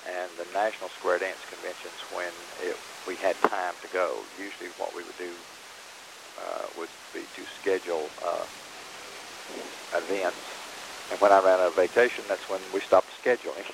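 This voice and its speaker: Gravelly, very low Southern man, halting and repetitive interviewee; hissy old tape. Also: level tone. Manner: halting, repeats words, many fillers. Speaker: interviewee, round dance teacher. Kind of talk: casual interview.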